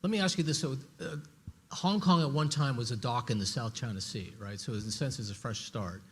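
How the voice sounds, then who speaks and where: Husky-voiced male panel moderator. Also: mid-range voice, brisk. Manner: lively, animated questioning. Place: large conference hall.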